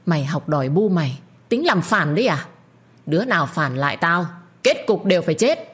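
A woman's voice: on the low side, big pitch swings, fairly quick, slightly rough. Woman doing an enraged, ruthless older lord. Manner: hissing threats, loud and ranting. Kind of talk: audio story character voice.

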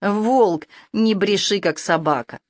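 A woman's voice: mid-range voice, takes it slowly, a little mellow, no echo, natural voice. Insolent young falcon-shifter lad, captive but defiant, mocking tone, as a woman reads him, dry audio. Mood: accusing. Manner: sneering, defiant.

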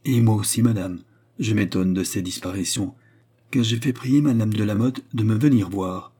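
A man's voice: lowish voice, normal speed, dark tone, breathy edge. A man voicing a courtly cardinal in an audiobook reading, speaking in an earnest, pleading, courteous way.

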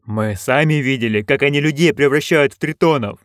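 A man's voice: mid-range voice, brisk, no echo, clean studio sound, lightly acted. A man voicing timid palace guards in an audiobook, in a hesitant, mumbling way. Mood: nervous. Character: timid male palace guards, nervous grumblers.

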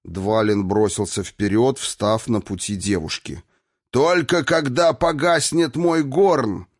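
A man's voice: lowish voice, steady tone, a little slow, a little mellow. A man reading an audiobook, voicing a bold, protective male dwarf warrior who cries out passionately. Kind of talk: audiobook character voice.

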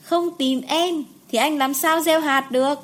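A woman voicing a calm, teasing young male doctor in an audiobook, speaking in an unhurried way. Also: sits high, voice pushed up.

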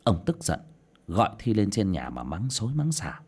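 Expressive male audiobook narrator. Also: fairly low pitch, moderate pace, husky. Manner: expressive storytelling.

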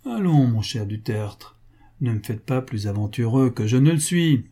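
A man's voice: medium pitch, expressive, moderate pace, mellow, husky. A man voicing a cynical wealthy male financier who coaxes with false affection and cold insistence. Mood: coaxing. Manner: wheedling, mock-jovial, coldly insistent.

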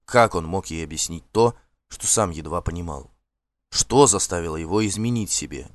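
A man reading a novel aloud as narrator, calm and measured. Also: low voice, no room sound. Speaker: audiobook narrator. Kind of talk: scripted narration.

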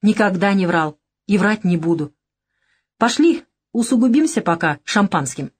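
A woman's voice: mid-range voice, expressive, moderate pace, breathy edge. A woman reading an audiobook, voicing a cocky, short-tempered male gangster boss with a brash, mocking manner. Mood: boastful. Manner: brash, mocking, flares into shouting.

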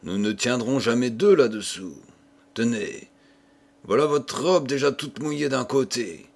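A man's voice: mid-range voice, a little slow, vocal fry. A man reading an audiobook who voices a shy, lovestruck young suitor, earnest and pleading.

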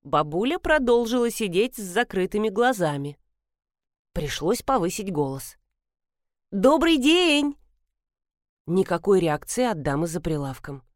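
A woman's voice: lowish voice, animated, moderate pace, no echo, clean studio sound. A woman narrating an audiobook in the first person, with a wry storytelling manner.

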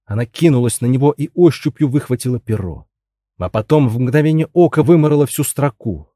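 A man narrating a story in a measured reading style, close to the mic. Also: mid-range voice, animated, dark tone, no echo. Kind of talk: audiobook narration.

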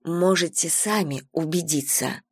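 Женщина в роли сдержанной молодой женщины, сухой, отрывистый тон, в аудиокниге. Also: female voice, mid-range voice, animated, normal speed, no room sound, natural voice. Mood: curt. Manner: dry, clipped. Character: dry restrained young woman Valya.

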